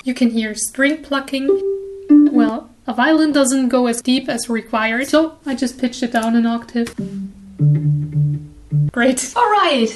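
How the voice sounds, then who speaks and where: High-voiced chatty woman animator. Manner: chatty, self-deprecating, quick laughs. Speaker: animator and video creator. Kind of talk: casual voice-over walkthrough.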